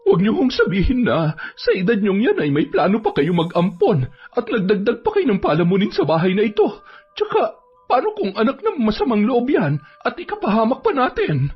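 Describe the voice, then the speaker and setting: A sharp-tongued woman who complains and scolds, voiced high and lively by a man putting her on. She is a figure in a storybook horror tale. The recording is dull and lo-fi, with music behind it. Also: brisk, husky, exaggerated voice. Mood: disapproving.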